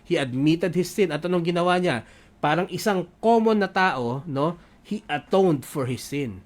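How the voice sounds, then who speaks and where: A man's voice: a little high, lively intonation, measured pace. A man with a Filipino accent preaching a sermon in mixed Tagalog and English, reading Bible verses aloud and often adding tag questions. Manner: Taglish preaching with frequent tag questions, reads scripture aloud.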